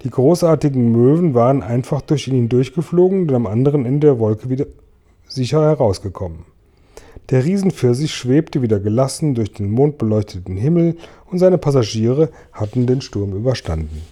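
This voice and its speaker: A man reading a children's book aloud in a calm, expressive narrating manner. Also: medium pitch, normal speed. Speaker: audiobook reader. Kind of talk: storybook narration.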